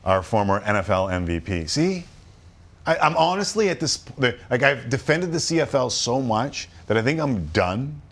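A man hosting a sports talk radio show, excitable and quick to burst into loud reads. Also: mid-range voice.

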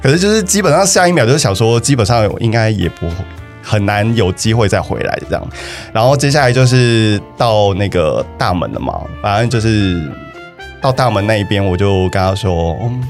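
A man's voice: fairly low pitch, lively intonation, brisk, soft background music. A young man with a Taiwanese Mandarin accent, casually telling a personal story on a podcast, hesitant and often repeating himself. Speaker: guest telling his breakup story.

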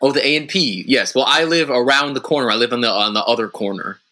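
Improv neighbor suspect played by a man, eager and scattered, with a crisp, sharp tone. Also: medium pitch, fast, close to an everyday voice. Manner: hesitant, laughing through answers. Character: cheerful male neighbor suspect. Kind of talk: improv comedy scene.

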